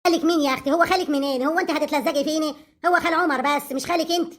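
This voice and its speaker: A woman's voice: sits high, steady tone, racing, close to an everyday voice. A woman with an Egyptian accent playing a scheming, hot-tempered peasant mother-in-law who talks sharply and indignantly. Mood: scornful.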